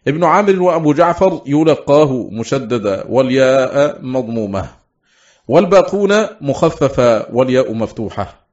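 A man reading a scholarly text aloud in a steady, deliberate way, chanting some quoted verse words. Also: medium pitch. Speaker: audiobook reader. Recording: slightly dull lo-fi recording.

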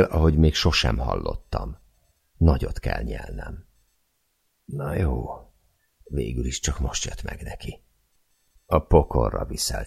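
A man reading a novel aloud in the first person, with intimate, measured storytelling. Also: extremely low pitch, creaky, a little mellow, slightly rough. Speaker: audiobook narrator.

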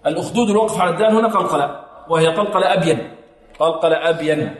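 A man teaching Quranic recitation rules. He asks questions, answers them himself, and chants slow, drawn-out examples. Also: on the high side. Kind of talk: tajweed lesson with recited examples. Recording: echoey hall recording.

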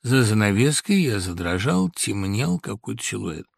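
A man narrating a comic short story as an audiobook, in a lively, wry manner. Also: lowish voice, moderate pace, creaky, dry recording, clean studio sound.

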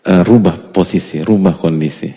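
A man's voice: sits low, moderate pace, warm tone. A middle-aged man, an Islamic preacher, giving a casual study lecture to an audience. He talks in a conversational way, asks rhetorical questions, and recites Arabic phrases before explaining them. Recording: reverberant hall, dull lo-fi sound.

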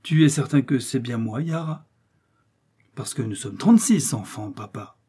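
A man voicing a cheeky, stubborn tiny girl mouse with a shrill, insistent voice in a storybook reading. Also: animated, normal speed, dark tone, husky.

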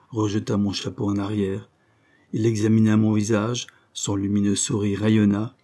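A man reading a novel aloud as an audiobook narrator, in a measured, literary way. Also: lowish voice, dark tone. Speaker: audiobook reader. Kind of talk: scripted narration.

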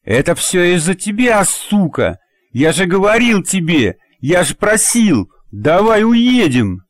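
A man voicing an injured older man who yells in pain and rage in an audiobook. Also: big pitch swings, extremely slow, vocal fry, dry recording, clean studio sound, heavily acted. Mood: enraged. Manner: shrill, yelling.

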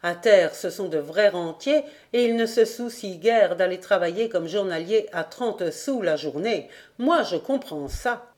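A woman's voice: medium pitch, animated, unhurried, few pauses, a little mellow, lightly acted. A woman voicing a self-assured male customs officer in an audiobook, speaking matter-of-factly. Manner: matter-of-fact pronouncements.

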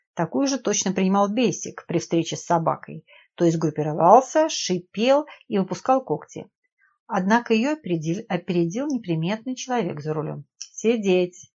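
Woman narrating with a lowish voice. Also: animated, fairly quick, a little mellow. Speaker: audiobook narrator. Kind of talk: scripted narration. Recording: dull lo-fi audiobook recording.

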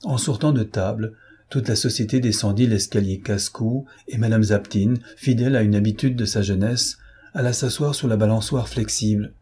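Mellow low-voiced male narrator. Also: breathy edge. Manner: measured, even storytelling. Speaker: audiobook narrator. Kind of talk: scripted literary narration.

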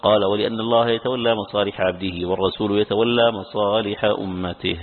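A man reading a classical commentary aloud to his teacher, briskly, with occasional stumbles and restarts. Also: fairly low pitch, steady tone. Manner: brisk recitation with occasional stumbles and self-corrections. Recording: tinny phone-like lecture recording with long hall reverb.

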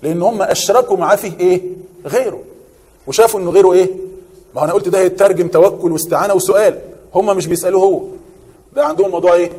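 A man's voice: high voice, breathy edge, long reverb tail. A man with an Egyptian accent preaching a sermon, often asking his listeners a question and answering it himself. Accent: Egyptian Arabic. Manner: animated, asks and answers his own questions.

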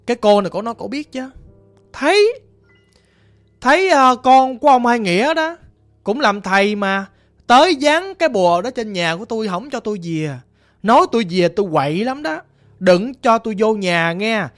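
A vengeful young ghost, voiced by a woman narrator speaks in a Southern Vietnamese accent, plaintive and rambling as she repeats her grievances. Her voice sits a little high, with soft music drifting behind the storytelling. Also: lively intonation, moderate pace, close to an everyday voice. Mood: bitter.

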